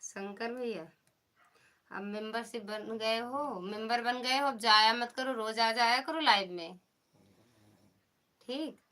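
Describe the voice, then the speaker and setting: A woman's voice: a little high, slow, pauses often, pushed and bright. A woman with an Awadhi accent hosting a casual live stream, chatting with viewers and calling them didi and bhaiya over a phone mic.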